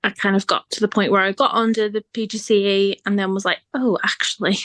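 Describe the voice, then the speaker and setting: A woman's voice: medium pitch, level tone, fast, fairly bright tone, no room sound. A woman from Ireland, a podcast guest talking openly in a casual chat and laughing often. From Northern Ireland. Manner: chatty and open, laughs often.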